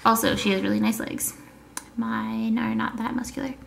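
Rambling young woman, slightly high creaky voice. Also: level tone, moderate pace. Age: 20s. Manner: rambling, easily distracted. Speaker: vlogger. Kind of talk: casual rambling vlog chat to camera. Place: small indoor apartment room. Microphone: camera at arm's length. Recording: echoey small room with faint noise.

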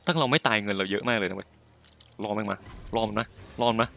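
A man's voice: on the low side, fast, creaky, slight background noise. Swearing young man commenting on a game. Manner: profane, excitable, swears constantly. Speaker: gaming YouTuber. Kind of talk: casual let's-play commentary.

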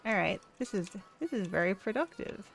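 A woman reading game text and commenting in a wry, chatty way. Her voice has a gravelly fry at mid pitch, and quiet game music runs underneath. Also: animated, normal speed. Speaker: gamer. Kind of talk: let's play, reading game text aloud.

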